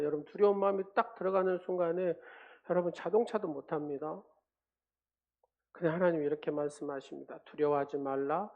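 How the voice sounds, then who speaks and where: A man's voice: fairly high pitch, narrow, tinny audio. A man preaching a sermon in a church. He speaks emphatically and leads the congregation in call-and-response. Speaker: pastor. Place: church sanctuary.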